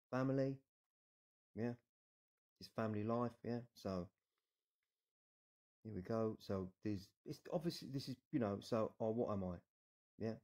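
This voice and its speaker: A man's voice: fairly low pitch, dark tone. A man with a British accent, an immigration adviser casually talking through an online form, reassuring and often adding "yeah?". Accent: British English. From United Kingdom. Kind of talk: screen-recorded tutorial walkthrough.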